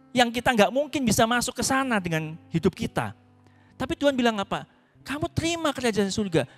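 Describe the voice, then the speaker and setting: Youth pastor, young man, lively preaching with soft guitar behind. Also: very high-pitched. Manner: lively, asks the audience questions; acts out quoted voices of children and parents. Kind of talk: youth sermon.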